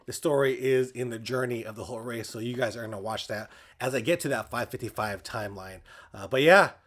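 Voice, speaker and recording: A man's voice: mid-range voice, a little fast, fairly bright tone. A man chatting casually to his viewers as a running vlogger. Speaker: running vlogger and channel host.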